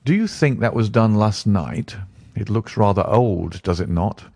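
A man voicing a sharp, commanding male detective who speaks briskly and insistently. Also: lowish voice, lively intonation, creaky, no echo, clean studio sound, heavily acted.

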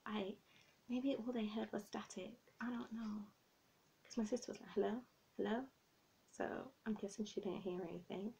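Flustered young woman vlogging, gravelly edge. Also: medium pitch, fairly even intonation, moderate pace, mellow, a little hiss or hum, low-quality recording. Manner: self-mocking, giggly, flustered. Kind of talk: casual vlog chat.

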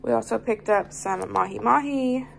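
A woman's voice: on the high side, normal speed, vocal fry, noisy background. A woman with a Southern US accent, chatting casually to camera at her kitchen table and saying y'all often. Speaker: vlogger showing a grocery haul.

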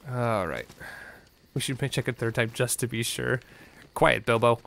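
A man's voice: medium pitch, moderate pace, gravelly, a bit bright, slight background noise. A man streaming a game live, chatting with viewers between wry reactions to the gameplay. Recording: game music playing behind the voice. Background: game music.

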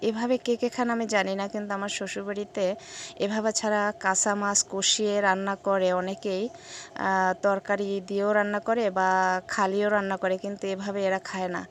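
Woman vlogging from her kitchen, hoarse sore throat, talks soft and slow, pretty flat tone. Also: medium pitch, slight background noise. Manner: speaks softly and slowly. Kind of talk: casual vlog narration. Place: home kitchen.

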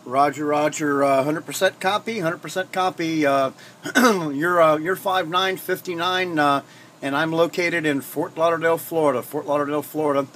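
A man with a slightly high voice makes a casual ham radio contact. He pauses and repeats phrases for clarity, with faint noise around him in an indoor radio room. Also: steady tone, a bit bright. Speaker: amateur radio operator. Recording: faint room noise, amateur camera audio.

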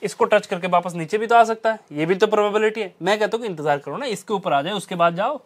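This high-voiced man talks fast as he walks through a stock trading strategy on a chart. As a trading instructor, he's emphatic, driving his key points home and saying the key phrases over and over.

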